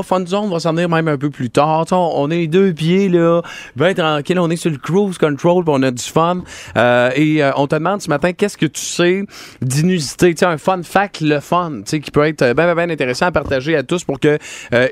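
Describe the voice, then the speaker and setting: A man with a Québécois accent hosting a morning radio show in a playful, fast-moving casual chat. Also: fairly high pitch, no room sound. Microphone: studio microphone.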